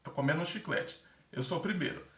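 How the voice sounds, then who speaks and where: A slightly high, a bit bright male voice moves quickly and animatedly through casual vlog advice on a theater aptitude test. He went through the course application himself, and he chats with many fillers while acting out examples. An echoey room and distant mic shape the sound.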